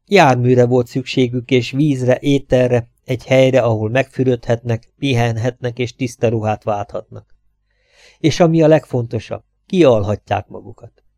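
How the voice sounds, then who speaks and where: A male audiobook narrator reading in a measured, steady way. His voice is mellow and relaxed, recorded dry and close to the microphone. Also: mid-range voice, no echo.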